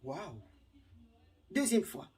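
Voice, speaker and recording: Woman vlogger, middle-aged, casual advice monologue, very lively intonation, animated and theatrical. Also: medium pitch, extremely slow. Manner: animated, acts out little scenes, repeats words.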